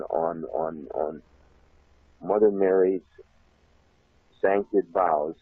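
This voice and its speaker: A man telling a long childhood story on a talk show, animated and laughing often. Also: low-pitched, husky, dry recording. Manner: animated, laughs often, acts out shouted voices. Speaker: guest telling a life story. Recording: tinny phone line.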